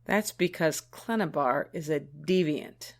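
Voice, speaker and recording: A woman voicing a prim, skeptical female alien shipmate with a disdainful manner in an audio drama. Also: low-pitched. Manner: disdainful, prudish, slow deliberate delivery.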